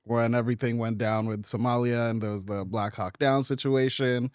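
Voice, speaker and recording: A man from Kenya, a podcast guest and business owner, telling his life story in a relaxed interview with lots of "uh" and easy laughs. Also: medium pitch, normal speed, smooth, dry recording, clean studio sound. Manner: easygoing, laughs often, many "uh" fillers.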